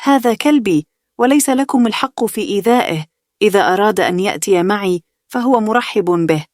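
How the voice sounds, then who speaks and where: A woman's voice: on the low side, steady tone, fast, darkish tone, a little hiss or hum, natural voice. A woman reading the part of a determined youngest brother, a young man, in a bedtime story. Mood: earnest. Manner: earnest, determined.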